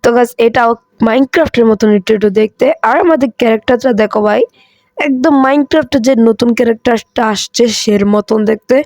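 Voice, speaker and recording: A hoarse man hosting a gaming channel, chatty and excitable as he comments on mobile gameplay, with English phrases mixed in. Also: very high-pitched, normal speed, no echo. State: hoarse, coughing.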